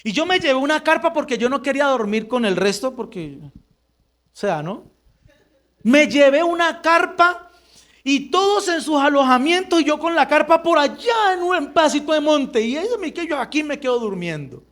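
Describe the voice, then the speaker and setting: A middle-aged man tells his conversion story to a congregation in an unusually high voice. He talks fast and vividly and acts out every voice in the story himself. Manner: animated storytelling, acting out quoted dialogue. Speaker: church member giving testimony. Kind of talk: testimony in a church service.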